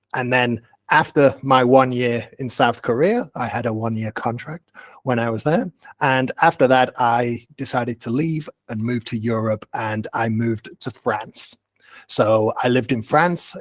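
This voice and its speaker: A man, a teacher introducing himself on a video call in a friendly, clear, unhurried way. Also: mid-range voice, dry recording. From England. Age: 30s. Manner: friendly, clear and unhurried, simple wording for learners. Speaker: guest English teacher.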